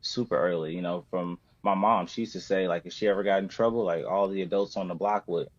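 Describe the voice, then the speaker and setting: Here the same West Coast poet, thirty and American, sounds low-pitched and talks fast while he reads verse and makes casual conversation on a podcast. The audio is roomy, dull and lo-fi.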